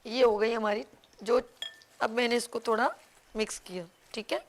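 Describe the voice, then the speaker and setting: A woman's voice: a little high, steady tone, moderate pace, a little hiss or hum. A woman with a Pakistani Urdu accent, hosting a live cooking show and explaining each step to viewers in a chatty, instructive way. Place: TV studio kitchen.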